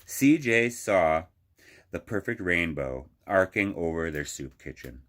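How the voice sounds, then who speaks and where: A man's voice: deep voice, lively intonation, a little slow, a bit bright. A man reading a children's picture book aloud as a librarian would, expressively, drawing out phrases for emphasis.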